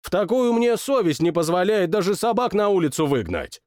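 A man voicing a petulant, boastful young king who whines and barks orders in a shrill voice. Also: very animated, brisk, no room sound, clean studio sound. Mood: capricious. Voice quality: shrill, whiny, bossy. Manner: shouts orders and sulks capriciously. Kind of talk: audiobook character voice.

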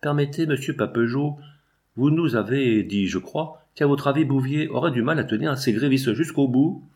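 A sharp young man, as a male reader puts him on. His questions come ironic and probing, poking holes in what he is told. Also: mid-range voice, moderate pace, voice pushed up, lightly acted.

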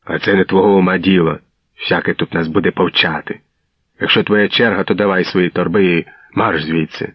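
A coarse, bullying mustached gendarme, as a male narrator puts him on, barking and sneering in a loud, rough voice. The deep-voiced reading sounds dry and dull, like an old radio drama recording. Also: fairly even intonation, normal speed, no echo. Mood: gruff. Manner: rude, mocking, barking.

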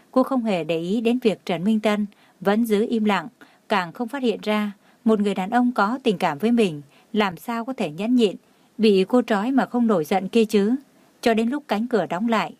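A woman narrates a romance story in a steady, even manner. Her voice sits at a middling pitch. The sound is close and dry, with no room. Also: no room sound.

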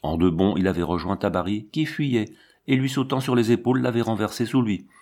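A man reading an audiobook story aloud in steady, dramatic narration. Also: fairly low pitch, fairly quick. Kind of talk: scripted narration.

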